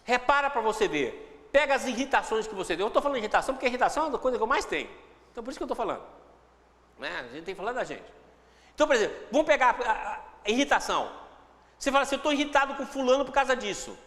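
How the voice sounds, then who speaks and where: A man's voice: very high-pitched, very animated, rapid-fire, a bit bright, in a large hall. A man giving a reflective spiritual talk with a Brazilian Portuguese accent, acting out inner dialogues in shifting voices. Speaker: spiritual teacher.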